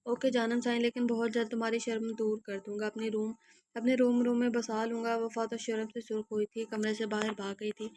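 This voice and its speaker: A hoarse woman reading a romance novel aloud and voicing all its characters, often clearing her throat and restarting words. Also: little pitch movement, a little mellow. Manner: narrow pitch range, stumbles and restarts words. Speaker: audio novel narrator.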